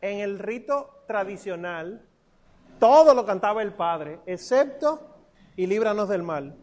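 A man's voice: high-pitched, expressive, measured pace, a little mellow. A man teaching a congregation to chant, patiently coaching their pronunciation syllable by syllable. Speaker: liturgical chant instructor.

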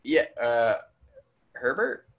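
A man co-hosting a casual podcast in a loose, easygoing way, laughing between points. His voice is bright and sharp, at a middle pitch. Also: sing-song, drawn-out words, gravelly. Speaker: podcast co-host. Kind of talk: casual chat.

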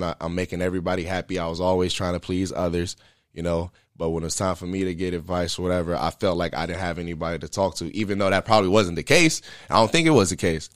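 Low-voiced man telling a candid story. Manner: candid, earnest, loose slangy phrasing with many fillers. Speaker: guest telling a personal story. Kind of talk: casual conversational storytelling.

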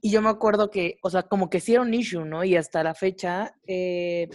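A woman in her twenties with a Mexican Spanish accent, co-hosting a podcast and telling a personal story in a casual, animated way, full of fillers and slang. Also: fairly low pitch, fairly quick. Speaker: podcast co-host.

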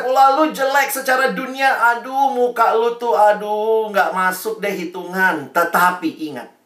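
A man giving a youth sermon, lively and acting out quoted voices, slipping into English phrases. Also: sits high, roomy sound, far from the mic. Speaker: youth speaker.

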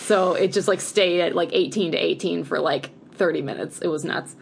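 A woman from chats eagerly on a podcast, sprinkling 'like' through every sentence. Her voice sits a little low for a woman. A faint noise runs under the recording. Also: moderate pace, creaky. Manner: chatty and enthusiastic, heavy use of 'like'. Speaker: podcast co-host. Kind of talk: casual podcast chat.

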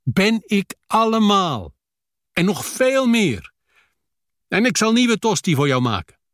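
A man's voice: high-pitched, big pitch swings, slow pace, a bit bright, exaggerated voice. A man reading a novel aloud, voicing a fierce Brazilian widow who speaks blunt, broken Dutch. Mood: prickly. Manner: blunt, clipped broken grammar.

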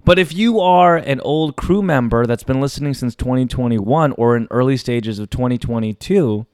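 A man hosting a solo confessional podcast, speaking to listeners in a theatrical showman's manner with emphatic, dramatic pauses. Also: mid-range voice, a little mellow, clear, resonant tone, no room sound, studio quality. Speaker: podcast host.

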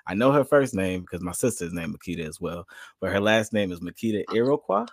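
Fast-talking slangy podcast host, man. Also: low-pitched, expressive, dry recording, studio quality. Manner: loose, slangy and profane, rambling restarts. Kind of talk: casual interview chat.

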